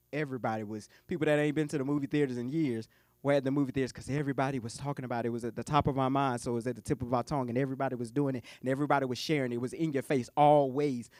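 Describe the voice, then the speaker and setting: A man's voice: medium pitch, darkish tone, no echo, studio quality. A man who coaches businesses, giving a live keynote talk at a conference lunch. He jokes and talks straight to the audience.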